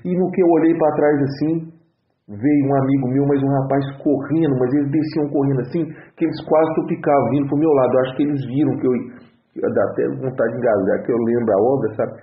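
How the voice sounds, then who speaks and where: A man's voice: medium pitch, fairly even intonation, brisk. A Brazilian man giving an earnest religious testimony, repeating his exhortations over and over. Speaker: church member giving testimony. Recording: tinny phone-like audio in an echoey room.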